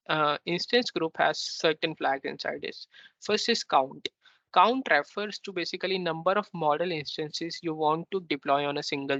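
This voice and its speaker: A man leads a technical workshop over a video call, walking through each step and tagging his points with a questioning "right?". His voice sits a little high. The call audio is slightly dull and dry, with no room echo. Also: fairly bright tone. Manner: explains step by step, often ends with a questioning "right?". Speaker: workshop instructor. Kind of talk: technical tutorial walkthrough. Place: remote meeting.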